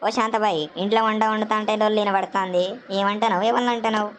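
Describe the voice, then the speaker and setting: A woman with a Telangana Telugu accent playing a village neighbor who confronts a shouting woman with sharp questions. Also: mid-range voice, fairly even intonation, racing, a little hiss or hum, lightly acted. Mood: confronting.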